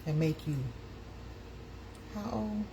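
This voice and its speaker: A woman's voice: mid-range voice, takes it slowly, creaky, noisy background. A woman, hosting a casual live chat and calling out to her viewers. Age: 50s. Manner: chatty, calls out to viewers. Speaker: live stream host.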